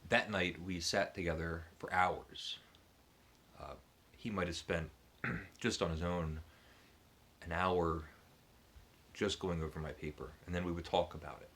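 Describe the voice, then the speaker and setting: A man's voice: deep voice, steady tone, unhurried, pauses often, fairly bright tone. A man hosting his book channel, casually telling a personal story to the camera with many ums and restarts. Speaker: booktube channel host.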